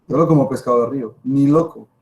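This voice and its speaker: A man with a Colombian accent lectures students informally as a professor, speaking emphatically, repeating himself and posing rhetorical questions. His mid-range voice moves quickly and sounds a little mellow. The audio quality is poor.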